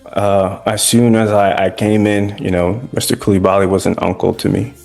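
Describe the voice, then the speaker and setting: A man's voice: on the low side, level tone, moderate pace, vocal fry, a little mellow, faint music behind. A young man, a former student, giving an earnest spoken tribute with casual fillers.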